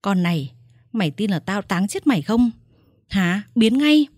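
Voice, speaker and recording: A callous young man barks threats and orders, as a woman storyteller plays him. The delivery is loud and curt over a warm, husky voice. The recording is dry. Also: on the low side, animated, brisk, dry recording. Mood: threatening. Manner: harsh, threatening, dismissive. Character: man, cold, cruel young father.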